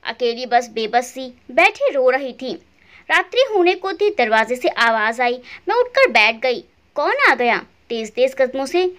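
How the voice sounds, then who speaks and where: A woman's voice: sits high, sing-song, unhurried, fairly bright tone. Emotional woman telling a family story. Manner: emotional, plaintive. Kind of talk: scripted first-person story narration.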